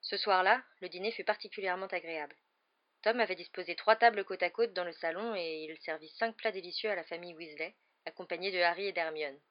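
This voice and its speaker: A woman narrating a novel as an audiobook in a steady storytelling voice. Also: lowish voice, quick pace. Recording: slightly dull lo-fi recording.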